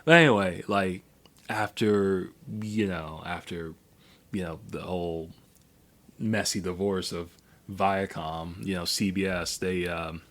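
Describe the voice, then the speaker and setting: A man's voice: deep voice, fairly even intonation, slow pace, fairly bright tone. A man co-hosting a podcast in casual chat, rambling through a history with many fillers and restarts. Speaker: podcast co-host.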